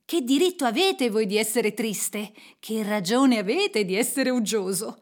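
A woman's voice: fairly high pitch, lively intonation, a little slow. Woman playing cheerful nephew Fred. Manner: bright, jovial. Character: cheerful young man, Scrooge's nephew.

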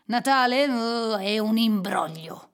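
A woman's voice: fairly high pitch, expressive, takes it slowly. A woman voicing a miserly, grumpy old man who scorns everyone. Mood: scornful. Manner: sharp, scornful.

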